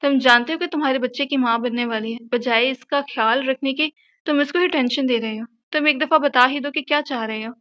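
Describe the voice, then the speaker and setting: A woman's voice: high-pitched, a little fast, lo-fi sound, close to an everyday voice. A woman voicing a stern middle-aged mother in an audio novel, scolding her son with authority.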